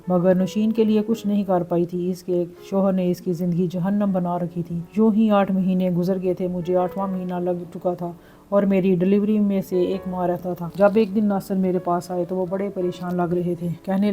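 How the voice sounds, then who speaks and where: Woman storyteller, mellow, even delivery; quiet music bed. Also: lowish voice. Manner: steady, even reading. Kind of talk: scripted first-person story narration. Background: faint background music.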